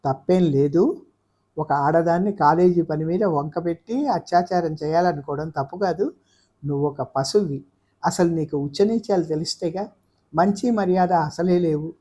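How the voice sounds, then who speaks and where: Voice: mid-range voice, normal speed, mellow, close to an everyday voice. A reader voicing a scornful, angry young woman in an audiobook of a novel. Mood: furious. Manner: scornful, accusing. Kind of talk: audiobook character voice.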